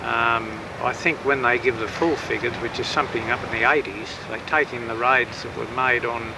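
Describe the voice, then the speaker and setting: An elderly man with an Australian accent tells his war memories in a rambling, grandfatherly way, pausing and correcting himself as he goes. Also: mid-range voice, steady tone. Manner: rambling grandfatherly reminiscing, hesitant with pauses and self-corrections. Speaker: war veteran recounting his service. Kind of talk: unscripted oral-history storytelling. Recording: noisy outdoor sound, distant microphone, wind.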